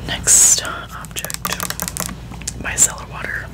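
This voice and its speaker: A woman in her twenties with an American accent whispers casual ASMR chat close to the microphone. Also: takes it slowly. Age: 20s. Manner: whispering throughout. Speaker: ASMR video creator. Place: bedroom, indoors. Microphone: close microphone resting on the bed.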